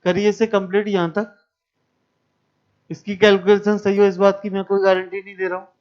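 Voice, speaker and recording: A man's voice: sits high, flat delivery, brisk, a little mellow, muffled recording. A man teaching math to a class, explaining step by step and asking the students questions. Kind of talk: classroom lecture.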